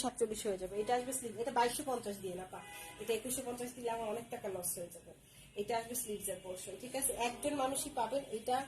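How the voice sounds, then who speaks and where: A woman's voice: a little high, darkish tone, poor audio. A woman hosting a live clothing sale stream, using repetitive, persuasive sales patter.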